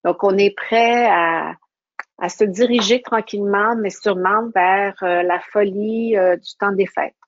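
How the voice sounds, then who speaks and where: A woman from Quebec, an event organizer, speaking slowly and hesitantly on a webinar call. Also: medium pitch, steady tone, a little hiss or hum. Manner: slow, hesitant. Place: video call. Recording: dry, lo-fi call audio.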